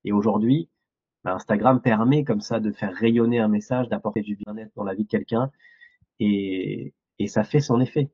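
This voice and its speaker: Guy w/ lowish husky voice, encouraging casual talk, dry kinda dull mic. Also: normal speed, dry recording.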